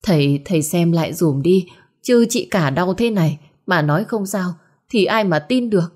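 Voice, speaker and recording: A woman voicing a sharp-tongued, scheming middle-aged stepmother in a storybook. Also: fairly low pitch, lively intonation, moderate pace, husky. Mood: shrill.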